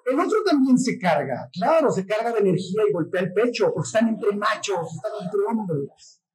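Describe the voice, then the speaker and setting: A man with a Mexican accent preaching a sermon in a lively, joking way, often acting out the voices of the people in his stories. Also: high-pitched, moderate pace. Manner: mimics voices in quotes. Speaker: pastor.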